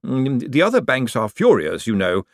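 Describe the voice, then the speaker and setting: A man's voice: medium pitch, huge pitch swings, moderate pace, no echo, studio quality, voice pushed up. A man playing a pompous middle-aged male chief clerk who speaks icily and disdainfully, with a hesitant "mm" before his replies. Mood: uneasy.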